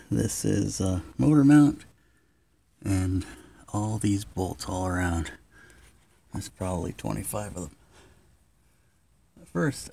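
A middle-aged man vlogging in casual running commentary, chatty and explaining what he does as he goes, sometimes hushed. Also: low voice, gravelly. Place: in a car and outdoors in a driveway. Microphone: handheld or dash-mounted camera. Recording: noisy outdoor and road sound.

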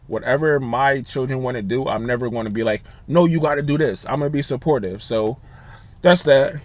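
A young man chatting casually in a vlog, loose and slangy, with lots of fillers and asides. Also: medium pitch. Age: young adult. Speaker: content creator. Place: Los Angeles.

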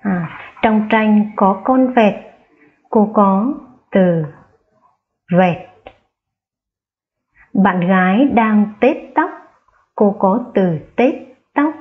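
A woman teaches young children, speaking very slowly and clearly as she spells out each sound. Her voice lifts on the words she wants them to repeat. The recording sounds a little dull and muffled. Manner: slow and drawn out, spelling sounds aloud and rising high on key words. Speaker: primary school teacher. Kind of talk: slow, careful online phonics lesson for young children.

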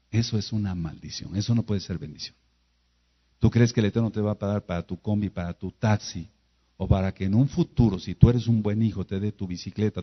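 A man's voice: fairly low pitch, husky. A man preaching a sermon, full of rhetorical questions and repeated phrases. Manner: emphatic, rhetorical questions and repetition. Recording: dull lo-fi video audio.

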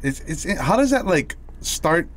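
A man's voice: fairly high pitch, very animated, moderate pace. A man hosting a casual podcast, enthusiastic and curious, often repeating words as he asks questions. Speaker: podcast host. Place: podcast studio with red curtains. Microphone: headset and desk podcast mic.

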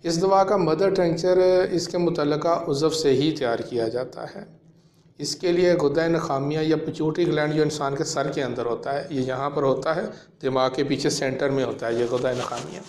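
A man in his thirties, a homeopathic practitioner, explaining a medicine to camera in a measured way with frequent fillers, in a small room. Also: fairly high pitch, darkish tone. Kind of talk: educational talk to camera. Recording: echoey room.

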